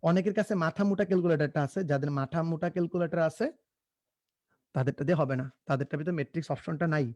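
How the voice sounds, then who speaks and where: A young man teaches a live online class, joking and coaxing his students to answer. His voice sits a little high. The recording is close and dry, with no room sound. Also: fast talker, a little mellow, dry recording. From Bangladesh. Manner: casual, joking, repeats himself, coaxes students to answer.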